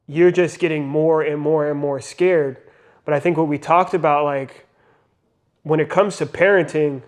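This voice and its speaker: A young man and father talking earnestly in a casual podcast conversation, reflecting and using many fillers. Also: on the high side. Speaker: podcast co-host.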